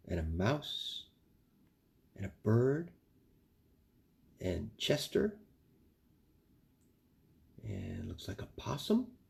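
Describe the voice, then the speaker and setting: In a small room at home, a man in his fifties reads a children's bedtime story expressively, like a grandfather would. His voice is lowish, creaky and a little mellow.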